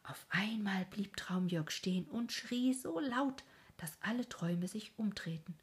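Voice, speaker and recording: Soft-voiced woman reading a fairy tale. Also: medium pitch, animated, measured pace, husky. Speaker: narrator.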